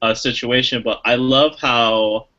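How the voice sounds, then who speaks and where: Bright-voiced enthusiastic man reviewing movies. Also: medium pitch, fairly even intonation, a little slow, dull audio. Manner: enthusiastic, rambling with many fillers. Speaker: podcast co-host. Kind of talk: casual movie review chat.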